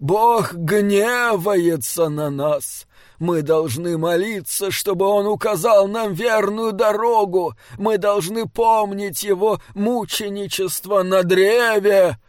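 A stubborn old bishop, as a male narrator puts him on, lifts his voice high and drags out his prayers slowly. He sounds plaintive and insistent, with a crisp, dry sound close to the mic. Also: dry recording. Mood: pleading prayer. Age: older. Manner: slow, imploring prayer.

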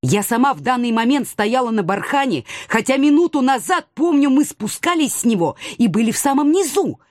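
A woman narrates a first-person story with playful expression. Her pitch moves around a lot as she reads. The recording is dry and close, with no room sound. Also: very animated, fairly quick, darkish tone, dry recording. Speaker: audiobook narrator.

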